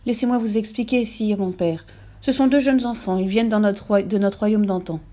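A woman voicing a gentle, weary ghost princess who speaks softly and sorrowfully, in a storybook reading. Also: mid-range voice, normal speed, natural voice. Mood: hopeful. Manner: soft, sorrowful telling.

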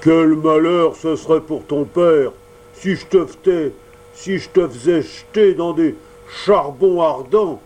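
A man voicing a gruff, bearded male puppet-show boss who booms his words and breaks into sneezing fits in a storybook reading. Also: takes it slowly, mellow.

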